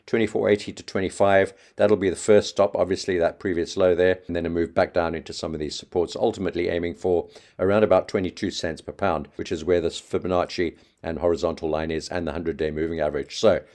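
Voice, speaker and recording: A man giving a quick, chatty trading market update, talking fast and offhand. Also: deep voice, steady tone, a little mellow. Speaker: market analyst.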